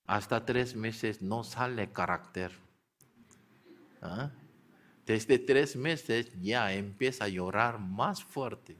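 A man preaching a storytelling sermon who keeps asking his listeners questions and then answering them himself. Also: medium pitch. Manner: animated retelling, slips into character voices.

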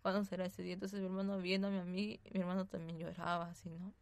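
Appearing as a radio guest, a soft-spoken woman gives a hesitant personal testimony, ending her sentences with "así, ¿no?". Her voice is on the low side with little pitch movement, and she talks fast.

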